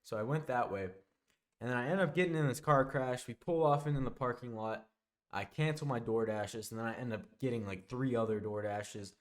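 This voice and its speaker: A young man telling a casual storytime monologue, rambling and backtracking, often dropping into quieter asides. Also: medium pitch, a little fast. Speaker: vlogger.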